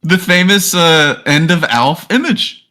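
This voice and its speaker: A man's voice: on the high side, animated, measured pace, sharp tone. A man co-hosting a podcast in casual chat, joking, swearing and laughing often. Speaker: podcast co-host.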